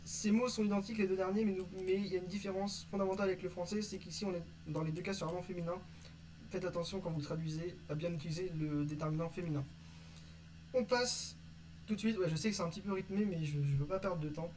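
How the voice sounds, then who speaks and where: A man teaching vocabulary from an invented language in a casual lesson, reading word lists and pausing often with fillers. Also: high voice, steady tone, a little mellow, a little hiss or hum, rough recording. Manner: reads word lists, hesitant with many "euh". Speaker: conlang teacher.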